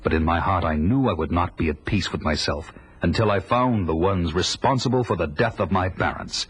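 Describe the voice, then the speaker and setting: A man's voice: low-pitched, fairly quick, breathy edge, rough recording. An actor playing a fierce, proud barbarian warrior who recounts his life in grandiose, theatrical audio-drama style. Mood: grand, brooding. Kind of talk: dramatic first-person narration, 1980s audio drama. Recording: dramatic music under the voice.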